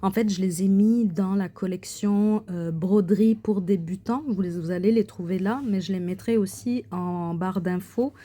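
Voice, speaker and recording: Speaking at a moderate pace with few pauses, the woman has a mellow, mid-range voice. She hosts a craft channel, comes from Quebec, and shows her coloring and embroidery in a casual vlog marked by hesitation, fillers, and restarts.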